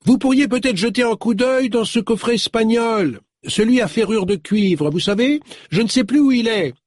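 A flustered older woman novelist, put on by a male reader in a storybook, her voice raised high and fussy. She frets and exclaims with impatience, the sound dry and close. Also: big pitch swings, fast talker, slightly rough, no echo. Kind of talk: audiobook character voice.

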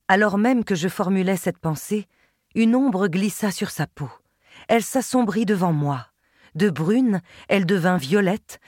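A woman narrates a literary novel in the first person with a measured, expressive delivery. Her voice sits in a middle range. It is recorded close to the mic with a dry, deadened sound. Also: mid-range voice, no echo. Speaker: audiobook narrator.

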